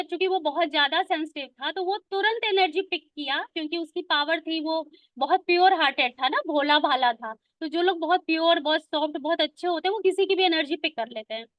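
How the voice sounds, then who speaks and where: A woman's voice: very high-pitched, no room sound, lo-fi sound. A woman giving a conversational spiritual talk, explaining ideas patiently and mixing English words into her speech. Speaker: spiritual speaker.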